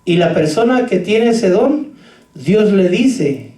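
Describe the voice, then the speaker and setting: His high voice swings widely in pitch, slow and warm, as he preaches a sermon in a church hall. The pastor tells stories and addresses the congregation directly. Echo fills the recording, and he sounds distant.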